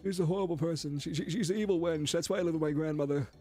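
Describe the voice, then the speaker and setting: A grumpy, whiny young guy, voiced by a man who complains and stumbles over his words. His voice sits high above a normal man's range. Faint music plays behind him. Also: racing, dark tone, natural voice. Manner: whiny, stammering restarts, swears.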